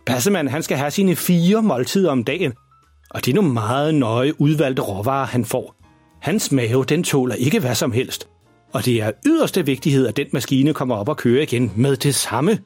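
A man's voice: medium pitch, expressive, darkish tone, slightly rough, dry recording, soft background music. A man voicing a sour, bossy older woman neighbour in a children's audio story, scolding and indignant.

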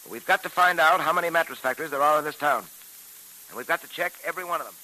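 An actor playing a brisk, authoritative American police detective in old radio drama style, clipped and decisive. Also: male voice, a little high, close to an everyday voice. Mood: deducing, measured. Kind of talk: 1940s radio drama acting. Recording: hissy, noisy old radio recording.

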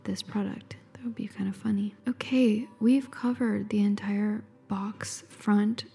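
A woman in an intimate ASMR whisper, close as if right in the listener's ear, calmly describing and reading aloud without hurry. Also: mid-range voice, unhurried, vocal fry, slightly rough, faint music behind. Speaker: ASMR host.

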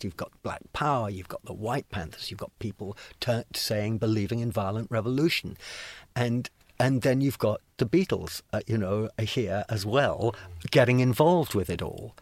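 Older man, husky, lowish voice, animated anecdotal guest who stammers and mimics others. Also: no room sound. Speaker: guest recalling youth in the counterculture. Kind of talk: casual storytelling conversation.

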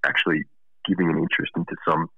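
A man's voice: very deep voice, steady tone, fast talker, vocal fry, breathy edge, no room sound. A teenage Australian male chatting casually, earnest, polite and grateful, over a dull lo-fi line. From Wollongong, Australia. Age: teens, about sixteen. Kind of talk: casual chat.

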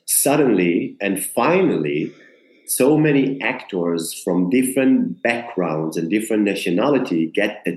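In a roomy-sounding conversational interview, an Israeli actor guest speaks earnestly in a low, slightly mellow voice, often breaking off and restarting to find his words.

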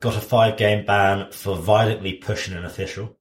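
Low-voiced Englishman, dry podcast banter. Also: steady tone, normal speed, echoey room. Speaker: podcast co-host. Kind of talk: casual bantering sports podcast chat.

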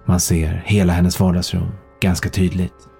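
A man narrating a thriller audiobook in a calm, measured storytelling manner. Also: low voice, vocal fry, soft background music.

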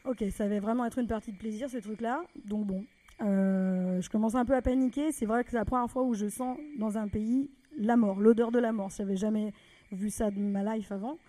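A French woman telling a personal story in a lively, conversational way, often acting out the people she quotes. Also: mid-range voice, normal speed. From France.

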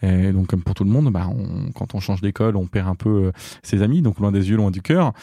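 A man from France, a company founder, talking casually in an interview, pausing often with fillers and restarts. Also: low-pitched, vocal fry, warm tone, no echo, clean studio sound. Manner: hesitant, many fillers and restarts.

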